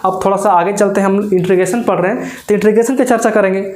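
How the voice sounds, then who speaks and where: Echoey maths teacher. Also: male voice, high voice, quick pace, a little mellow. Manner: chatty, keeps asking if students follow. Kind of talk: classroom coaching lecture. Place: classroom. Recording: echoey classroom.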